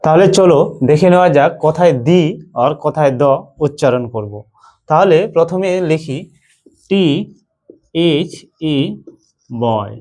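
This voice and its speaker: Male teacher with a Bengali accent, fairly high voice, slow and deliberate, quizzing himself as he goes. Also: darkish tone. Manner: slow, repetitive, asks and answers his own questions. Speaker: English teacher. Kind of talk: slow spoken lesson.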